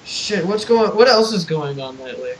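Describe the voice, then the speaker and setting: With an expressive, high-sitting voice, this young man co-hosts a live stream, talking casually, cursing liberally and halting to restart frequently. The rough recording has a faint hiss or hum.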